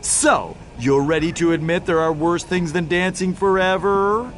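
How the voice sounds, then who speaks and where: A man's voice: high-pitched, faint music behind. A man voicing a mischievous trickster wizard in a cartoon, smug and teasing. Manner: smug, teasing, drawn-out delivery. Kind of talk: cartoon voice acting.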